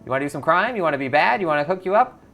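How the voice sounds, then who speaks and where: A man acts out a twitchy orc hustler from a cyberpunk game, his voice pitched well above normal male range. He's loud, jittery, manic and eager, repeating himself in slangy sales patter that is very fast with lively intonation. Music plays underneath.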